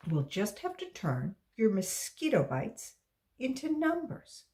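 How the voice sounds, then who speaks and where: A firm woman schoolteacher from a children's storybook, as a woman reader acts her. She is insistent and unflappable, spelling things out slowly with lively rises and falls. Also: mid-range voice, voice pushed up. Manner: firm, instructive. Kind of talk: children's storybook read-aloud.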